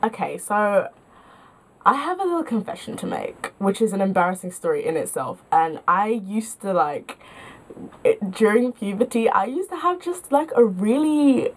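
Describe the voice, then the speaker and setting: A woman's voice: mid-range voice, expressive, normal speed. A young woman vlogging, telling stories in a chatty, self-mocking way with lots of filler words. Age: young adult. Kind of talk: casual storytelling to camera.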